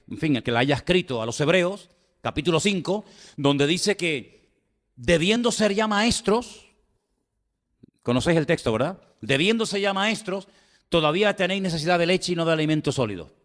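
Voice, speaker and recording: Heard in a large hall, a pastor with a fairly high voice and a Spanish accent from Spain delivers a sermon with emphasis, repeating phrases and putting rhetorical questions to his congregation.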